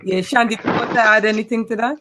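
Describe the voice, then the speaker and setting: A woman's voice: a little high, fairly even intonation, fast talker, background noise. A woman with a Trinidadian accent hosts a casual panel discussion over a video call, speaking earnestly and often repeating words as she starts a thought. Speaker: host.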